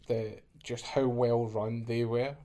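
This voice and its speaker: A man's voice: mid-range voice, flat delivery, slow, dark tone. A man, a head coach, guesting on a podcast and telling easygoing stories. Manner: easygoing storyteller, often laughing. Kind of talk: casual interview chat.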